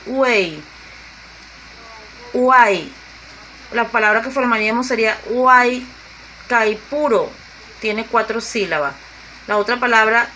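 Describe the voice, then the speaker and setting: A woman teacher, explaining grammar to young pupils slowly and deliberately, repeating her examples. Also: fairly high pitch, sharp tone, slight background noise, low-quality recording. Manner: slow and deliberate, repeating and spelling out examples with fillers. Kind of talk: slow grade-school grammar lesson.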